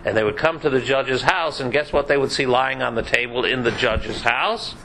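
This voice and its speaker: Guy teaching a bible class, bright sharp voice, chatty with dry little jokes. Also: mid-range voice, moderate pace, a little hiss or hum, rough recording. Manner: chatty, with dry joking asides. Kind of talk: conversational Bible class lecture.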